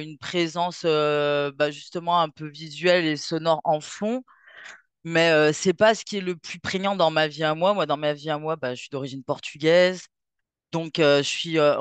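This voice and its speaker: A French woman from near Saint-Étienne, a festival founder appearing as an interview guest, tells her story casually in a French accent, thinking aloud as she goes. Her voice is low and smooth, with no echo.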